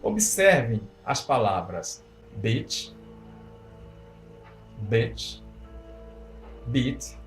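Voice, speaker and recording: Brazilian man teaching English pronunciation. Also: fairly low pitch. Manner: explains slowly, repeats example words many times. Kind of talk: pronunciation lesson. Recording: echoey room with faint music.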